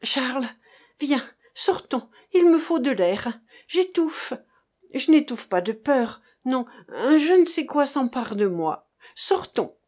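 A woman's voice: medium pitch, expressive, slow. A woman reading an audiobook, voicing an impassioned young woman who speaks in breathless, pleading outbursts. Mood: anguished.

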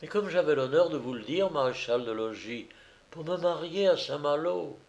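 Man playing a meek young man, soft, pleading, stammering, storybook. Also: fairly high pitch, lively intonation, normal speed, lo-fi sound, pitched above the performer's own voice.

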